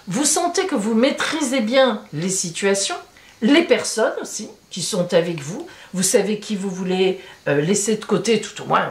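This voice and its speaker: A woman's voice: fairly high pitch, roomy sound. A woman giving a casual tarot horoscope reading, chatty and emphatic, with many fillers and repetitions. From France. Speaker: tarot reader.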